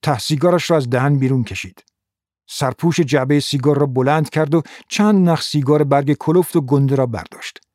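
A man's voice: fairly high pitch, no echo, studio quality. Man narrating a noir audiobook. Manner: steady, measured first-person reading.

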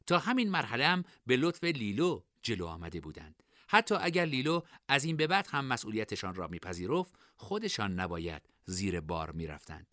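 A man narrating a fantasy novel as an audiobook, his pitch rising and falling with lively expression around a middle register. The tone is bright and forward, and the recording is dry and close with no room sound. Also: dry recording. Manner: expressive, varied storytelling delivery. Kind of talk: scripted narration.

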